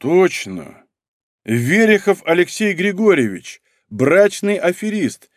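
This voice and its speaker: A man reading an audiobook, voicing a gruff, tired detective who mutters sardonically. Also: sits high, sing-song, takes it slowly, dry recording, clean studio sound, voice pushed up, full character voice. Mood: sardonic.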